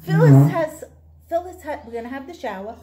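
A woman's voice: fairly high pitch, very animated, brisk, crowd noise. A woman in her sixties hosting a casual chat in her kitchen, telling funny stories with lots of laughter. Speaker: host. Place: home kitchen.

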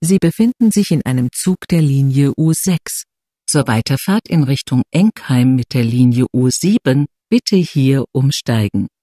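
Slow, bright subway announcement voice. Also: mid-range voice, animated, no room sound, clean studio sound. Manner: formal, measured, segmented phrasing. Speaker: transit announcer. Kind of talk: subway announcement, scripted station stops and transfers.

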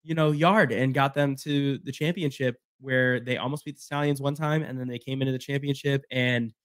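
A man co-hosting a casual sports podcast, talking in an animated way, repeating himself and laughing easily. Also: mid-range voice, moderate pace, clear, resonant tone, dry recording, studio quality. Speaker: podcast co-host.

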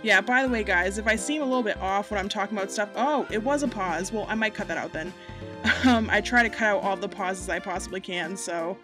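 A woman from Massachusetts talks through a gameplay voiceover at a middling pitch, rambling and poking fun at herself. Her voice comes through muffled because she is recording under a blanket, and her breathing is audible. Quiet music plays faintly behind her. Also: brisk. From Massachusetts, United States. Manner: chatty, rambling, self-deprecating, laughs often. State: breathing audibly, getting hot. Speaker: gaming YouTuber. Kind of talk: casual voiceover commentary over gameplay. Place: at home late at night, under a blanket.

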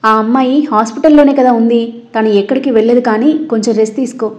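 A woman's voice: a little high, fairly even intonation, quick pace, darkish tone, dull audio, close to an everyday voice. A woman voicing a spiteful, scheming grandmother who speaks with bitter scorn in a storybook reading. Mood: coaxing.

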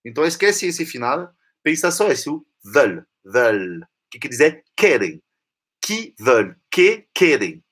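A French man teaching the pronunciation of a song's lyrics, singing lines slowly and then explaining them. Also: medium pitch, sing-song, fairly bright tone, breathy edge.

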